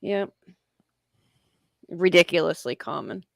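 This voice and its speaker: A woman's voice: lowish voice, expressive, slow, creaky, no echo, studio quality. A woman co-hosting a livestream, making blunt, wry remarks in casual chat. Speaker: livestream co-host.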